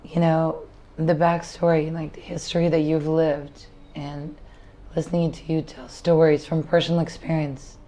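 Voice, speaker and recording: A woman interviewer speaks in a very low, steady, mellow voice. She sounds reflective and admiring, with faint noise in the background. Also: normal speed. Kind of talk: earnest interview talk.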